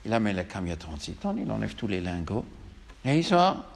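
A man in a lively scripture-storytelling lesson, acting out every character in a raspy voice. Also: sits low, fast, slight background noise. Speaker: storyteller teacher.

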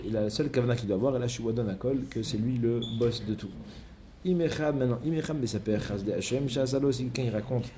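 A man leads a Torah study lesson, working through the text step by step and sprinkling his speech with Hebrew terms. His voice is mellow and relaxed, and a faint hum sits behind him. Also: medium pitch. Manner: explains step by step, mixing in many Hebrew terms. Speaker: religious study teacher.

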